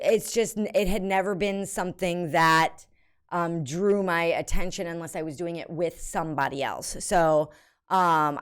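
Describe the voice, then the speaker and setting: A woman's voice: lowish voice, smooth. A woman streamer chatting casually, with an unusual voice that startles people, rambling with lots of fillers and giggles. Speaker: livestreamer reacting to videos. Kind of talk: casual chat.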